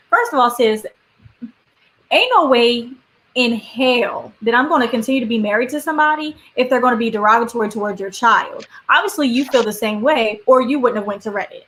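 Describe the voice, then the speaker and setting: A fired-up woman co-host on a casual panel chat, speaking bluntly with lots of slang. Her voice sits a little high. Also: a bit bright, rough recording. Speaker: podcast co-host.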